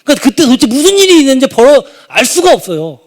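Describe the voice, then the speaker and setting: A man in his thirties preaching a sermon and telling a story from his own family. He is animated and moves from quiet asides to loud exclamations. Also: very high voice, fast talker. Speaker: pastor. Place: church sanctuary.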